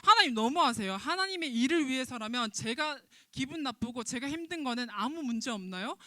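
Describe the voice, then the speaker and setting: An indignant prophet played by a woman wails his loud, whiny protests in a dramatized Bible story for children. The tone is bright and sharp, and the sound is close and dry with no room around it. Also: fairly high pitch, lively intonation, normal speed, dry recording. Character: indignant, sulking male prophet Jonah.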